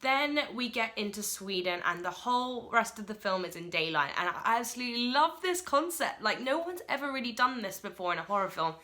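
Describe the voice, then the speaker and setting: A woman giving a casual solo film review in a rushed, chatty way, full of fillers like "like" and "uh". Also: fairly high pitch, big pitch swings, sharp tone.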